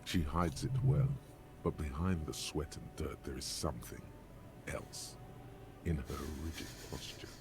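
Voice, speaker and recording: An actor voicing a male game narrator, describing scenes in measured, scripted narration. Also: extremely low pitch, fairly even intonation, background noise. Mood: ominous.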